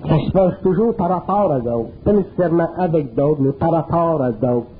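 A man with a Quebec French accent gives a spiritual talk in a high voice, colloquial and earthy. He drives his points home with emphasis. The recording is narrow and phone-like, with a faint hiss. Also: lively intonation, normal speed. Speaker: speaker. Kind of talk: spiritual lecture. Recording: narrow phone-like old tape.

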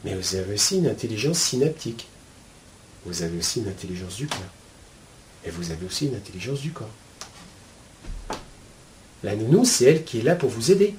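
A man teaching spiritual ideas to his viewers in a casual, colloquial way, with a steady stream of "hein" and "euh". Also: fairly low pitch, brisk, pauses often, slight background noise. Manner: chatty, explains with homely metaphors.

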